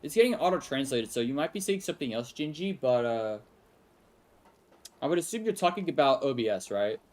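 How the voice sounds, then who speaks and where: A young man with a Texan drawl chats loosely through a live game stream, his voice rising and dropping a lot as he answers viewers. He rambles, restarts, and laughs easily, at an ordinary middle pitch. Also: big pitch swings, brisk. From Texas. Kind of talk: casual live-stream chat.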